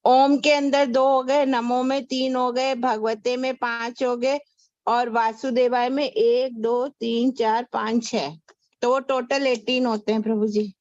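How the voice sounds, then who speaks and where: A woman's voice: fairly high pitch, little pitch movement, a little slow, darkish tone, lo-fi sound. A woman in a class, asking and explaining earnestly in Hindi, counting things out carefully. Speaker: class participant.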